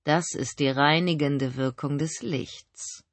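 A woman voicing a suave male cult leader who speaks in a measured, condescending way, for an audiobook. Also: low voice, fairly even intonation, dry recording. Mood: calm menace.

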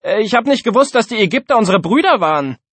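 A man's voice: sits high, big pitch swings, fast, a bit bright, slightly rough, no echo, voice pushed up, full character voice. Antoine, a cocky, mocking young teen boy. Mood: taunting. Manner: mocking, insulting.

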